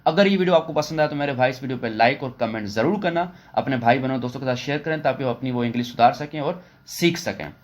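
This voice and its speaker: Male online English teacher from Pakistan, patient step-by-step explainer who repeats rules and slows right down for English phrases. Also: medium pitch. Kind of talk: online phonics lesson.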